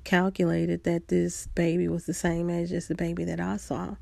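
Gravelly-voiced woman recounting a memory. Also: on the low side, monotone, darkish tone, dry recording. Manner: reflective, unhurried, pausing often. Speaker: storyteller. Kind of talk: personal storytelling.

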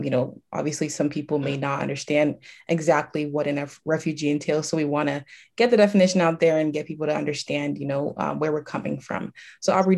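A woman's voice: sits low, gravelly, a little mellow. A woman hosting a podcast in a casual, hesitant way, with many "you know"s and ums. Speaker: podcast host.

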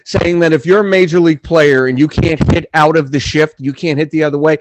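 A man's voice: on the high side, fairly even intonation, fairly quick, noisy background. A man co-hosting a sports podcast, talking bluntly and swearing freely as he argues his opinions in casual chat. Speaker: podcast co-host.

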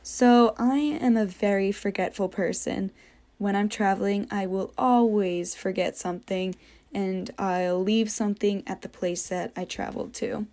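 A woman's voice: medium pitch, fairly even intonation, measured pace, mellow. A young woman from New England talks through her solo podcast in a chatty, casual way. She keeps slipping in jokey little asides as she goes. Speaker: podcast host.

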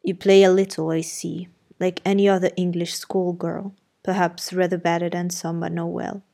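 A woman voicing a brusque, imperious middle-aged gentleman who questions sardonically and gives orders, read as audiobook character dialogue. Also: on the low side, flat delivery, normal speed, gravelly. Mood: brusque, commanding.

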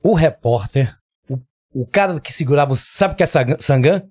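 A man's voice: fairly high pitch, a little fast. An older man with a Pará accent, a former TV news presenter telling stories as a podcast guest, swearing freely. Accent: Pará Portuguese. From Pará, Brazil. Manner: lively storyteller, swears freely. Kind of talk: casual podcast chat.

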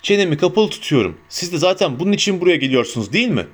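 Guy doing a grumpy old barman, hoarse and gruff, snappy and scornful, audiobook voice. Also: on the high side, very animated, racing, voice pushed up. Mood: angry, scornful. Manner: barking retorts, scornful. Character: grumpy old male barman, hot-tempered and defiant. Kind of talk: audiobook character voice.

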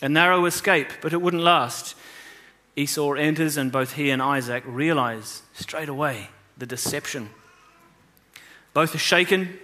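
A man's voice: fairly high pitch, a little slow, bright, forceful tone. A man teaching children, retelling a scripture story with emphasis and rhetorical questions. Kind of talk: scripture reading and moral lesson.

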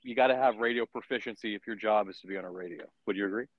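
A man's voice: fairly low pitch, racing, dry recording, lo-fi sound. A man hosting a casual interview, talking in long, rambling turns and checking in with the guest as he goes. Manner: rambling, keeps checking in with "right?". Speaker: podcast host.

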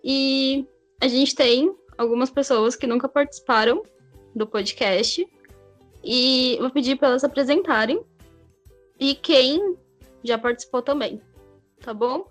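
A woman's voice: high-pitched, measured pace, pauses often, soft background music. A woman in her twenties who hosts a podcast and asks the guests questions. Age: 20s. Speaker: podcast host. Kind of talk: casual podcast chat.

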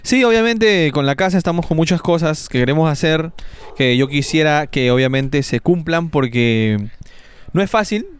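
Young man, Peruvian accent, smooth resonant voice, dry close mic, casual unhurried chat. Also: on the high side, no echo. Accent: Peruvian Spanish. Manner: relaxed, hesitant, thinks aloud with fillers. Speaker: podcast guest.

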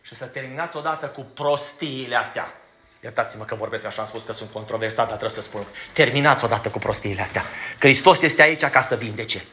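A man preaching a sermon in a church, emphatic and blunt, asking his congregation direct questions and sometimes stumbling over his words as he rushes. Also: mid-range voice, pushed and bright. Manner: stumbles when rushing.

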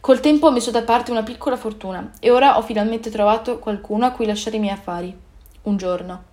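A woman's voice: fairly high pitch, fast, a little mellow, lightly acted. A woman voicing an older merchant father in a storybook, grave and heartfelt. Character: older male merchant, stern father turned tender.

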